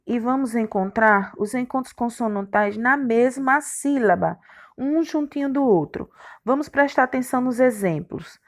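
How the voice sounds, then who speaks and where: A woman teaching a recorded lesson for young schoolchildren, her voice sitting a little high. She takes it slowly and patiently, sounding out each letter and syllable clearly. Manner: slow, spelling out letters and syllables for children. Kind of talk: recorded remote grammar lesson.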